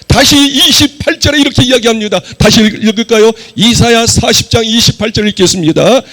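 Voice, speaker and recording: A male pastor delivering a sermon in church, hoarse from a cold, rising to forceful shouted points and leading the congregation in reading aloud. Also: very high-pitched, a little fast. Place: church sanctuary.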